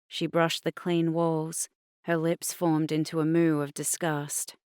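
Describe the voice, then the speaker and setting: A woman with an Australian accent reading a novel aloud in steady, even scripted narration. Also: low voice, measured pace, smooth, dry recording, studio quality. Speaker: audiobook narrator.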